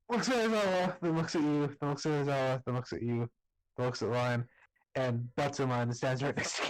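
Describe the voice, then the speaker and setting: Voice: mid-range voice, rough recording. Teasing game master with frequent laughs. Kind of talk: casual tabletop role-play narration.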